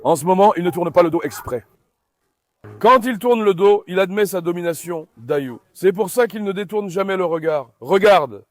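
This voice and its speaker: A man hosting a dog vlog, giving running commentary to viewers and repeatedly calming his dogs with soothing commands. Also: high voice, moderate pace, dry recording. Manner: talks directly to viewers as friends. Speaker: dog owner and channel host.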